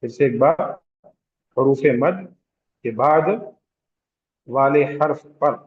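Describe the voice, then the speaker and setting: A man teaching Quranic recitation rules in a slow classroom lecture with a Hyderabadi Urdu accent, repeating terms, asking the class questions and drawing out vowels to show their length. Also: mid-range voice, highs cut off. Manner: draws out vowels to demonstrate elongation. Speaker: tajweed teacher.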